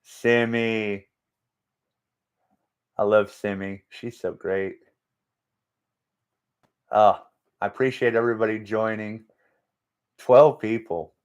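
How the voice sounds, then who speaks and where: A man hosts a faith-based motivational live stream, speaking in a fairly low voice. He talks very slowly and haltingly, stopping to restart and repeat himself, and now and then reads out and answers viewer comments. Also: steady tone, clear, resonant tone. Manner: slow and halting, frequent restarts and repeated words.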